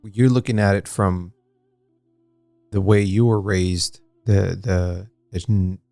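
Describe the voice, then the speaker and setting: Low-voiced man talking history, rambly. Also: steady tone, takes it slowly, creaky, mellow, no room sound, soft background music. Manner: rambling, many fillers and restarts. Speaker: podcast co-host. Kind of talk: casual history podcast discussion.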